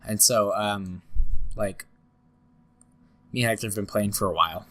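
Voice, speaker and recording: A young man hosts a casual podcast, his fairly low voice bright and forceful, his intonation fairly even, his pace moderate. A cold leaves him congested, nasal, and slightly scratchy, and he rambles with plenty of fillers and restarts.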